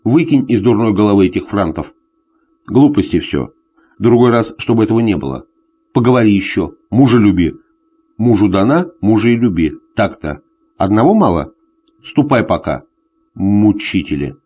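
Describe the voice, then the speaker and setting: A man puts on a tipsy, jealous husband, bullying and full of threats, his low voice hollow and tearful and swinging wildly in pitch. The sound is a dull, lo-fi audiobook recording. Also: lively intonation, moderate pace, warm tone. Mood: scolding. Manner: hoarse tearful bullying rants. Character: drunk jealous husband, middle-aged, bullying.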